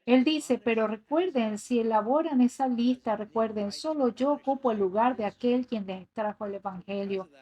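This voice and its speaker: A woman's voice: fairly high pitch, moderate pace, hardly any pauses, muffled recording. A woman giving an earnest voice-over translation of a sermon, reading scripture passages aloud. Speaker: sermon interpreter.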